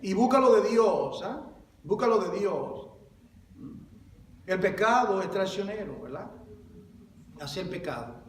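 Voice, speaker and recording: A man preaching a sermon as pastor, swinging from loud exclamations to low confiding asides and calling his listeners brother. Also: expressive, takes it slowly, long pauses, echoey room, recorded from a distance, a little hiss or hum. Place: church hall.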